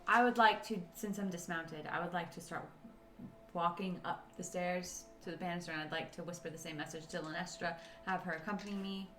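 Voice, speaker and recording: A woman's voice: on the low side, steady tone, a little fast, bright, forceful tone, recorded from a distance. A woman playing a tabletop game, talking casually about her moves, off the mic in an echoey room with music behind. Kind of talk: casual role-play chat.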